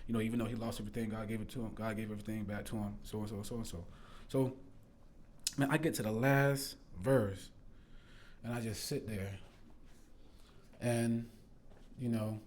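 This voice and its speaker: Speaking low and steady at a moderate pace, this man pauses often as he shares a personal faith testimony in a darkish tone over slight background noise. Casual and rambling, he peppers it with fillers, restarts and "bro," insisting earnestly that it really happened.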